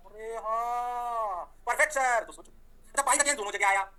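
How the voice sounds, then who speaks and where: A man with an extremely high-pitched, clean-toned voice gives a lively physics lecture at normal speed. He is energetic, firing off questions, answering them himself and voicing the students' replies.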